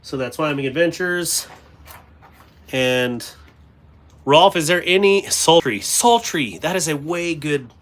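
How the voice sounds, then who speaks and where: A man's voice: a little high, slow, long pauses, a bit bright. A man hosting a casual livestream, rambling to his chat while sorting stickers and gear at a cluttered workspace. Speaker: livestream host. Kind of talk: casual live-stream chat.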